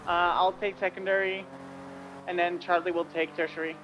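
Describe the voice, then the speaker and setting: Male cop over walkie talkie; high-ish voice, hesitant radio callouts, dull hissy lo-fi sound. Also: little pitch movement. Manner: halting, full of fillers and restarts. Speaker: police officer leading a pursuit. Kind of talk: roleplay radio traffic. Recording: muffled lo-fi radio with hiss.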